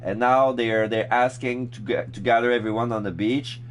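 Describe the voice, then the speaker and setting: A man's voice: medium pitch, fairly even intonation, moderate pace, slight background noise. A man giving casual, hesitant video game commentary, often groping for words as he explains characters. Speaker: game streamer.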